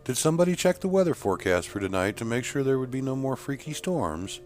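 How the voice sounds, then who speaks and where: A man voicing a chatty, warm woman friend in a spooky short story, reading her lines with a lift. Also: medium pitch, lively intonation, fast, soft background music, pitched above the performer's own voice, lightly acted.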